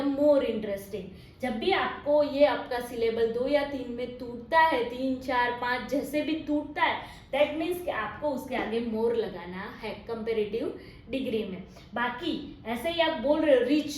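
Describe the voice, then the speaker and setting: A woman with a Gujarati accent teaching English grammar, mixing Hindi and English, drawing out her example sentences and often checking "okay?". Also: sits high. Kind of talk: classroom-style grammar lesson. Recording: echoey room with faint noise.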